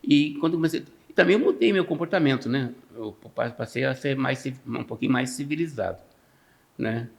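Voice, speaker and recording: Gravelly-voiced Brazilian man telling stories. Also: medium pitch, lively intonation, brisk. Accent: Brazilian Portuguese. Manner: laughs often, acts out quoted voices. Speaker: podcast guest. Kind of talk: casual storytelling.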